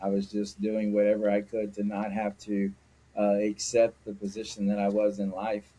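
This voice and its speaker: A man's voice: fairly low pitch, completely flat delivery, moderate pace, warm tone. A middle-aged man from Mississippi, a guest telling his story candidly and reflectively in an interview, with frequent fillers. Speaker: guest, sober living founder. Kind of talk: personal interview.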